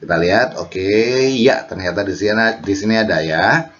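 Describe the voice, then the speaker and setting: A man's voice: deep voice, normal speed, fairly bright tone, dull audio. A man with an Indonesian accent, explaining English exam reading questions as a teacher, full of fillers and self-corrections.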